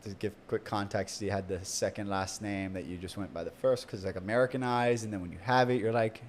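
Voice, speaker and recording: A man's voice: lowish voice, fairly even intonation, a little fast. A man hosting a podcast in a casual, enthusiastic, chatty way. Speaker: podcast host. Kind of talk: casual conversational interview.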